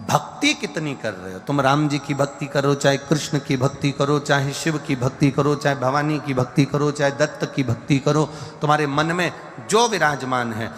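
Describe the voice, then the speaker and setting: A man preaching a devotional sermon from central India, slow and repetitive, building his points through lists. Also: mid-range voice, fairly bright tone. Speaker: religious storyteller. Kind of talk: devotional sermon with sung verses. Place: large live gathering hall. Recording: long hall reverb with faint music.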